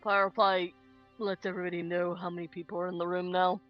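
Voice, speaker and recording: Dull-sounding, deliberate tabletop player. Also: mid-range voice, little pitch movement. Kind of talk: casual role-play narration in third person. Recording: dull audio, music underneath.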